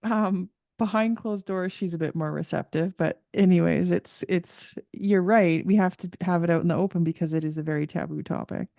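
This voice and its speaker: A woman's voice: on the low side, normal speed, gravelly, few pauses, warm tone, no room sound. A middle-aged woman hosting a podcast, chatty and laughing often in a casual interview. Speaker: podcast host, pelvic floor practitioner.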